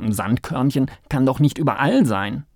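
A man voicing an eager, impatient little male mole in a children's storybook, with loud, excited exclamations. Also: mid-range voice, moderate pace, dry recording, clean studio sound. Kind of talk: storybook read-aloud.

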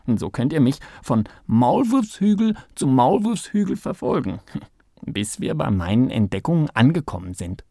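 A man voicing an eager, impatient young male mole in a children's story, in a raised, excited voice. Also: moderate pace, dry recording, studio quality. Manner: excited, pushy, high.

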